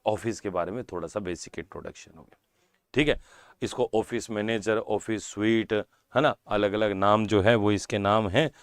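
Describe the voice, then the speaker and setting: A man's voice: lowish voice, clear, resonant tone, no echo, clean studio sound. A man teaching a computer class live online, repeating key terms, checking in with the class and calling the students "beta". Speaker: exam-prep computer teacher.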